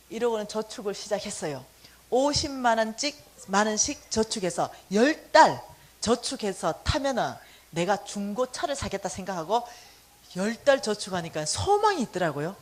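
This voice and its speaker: A woman giving a lively testimony talk to a church congregation, telling her story with animation and acting out prayers and conversations. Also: high voice. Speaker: church lecturer on finances. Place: church hall.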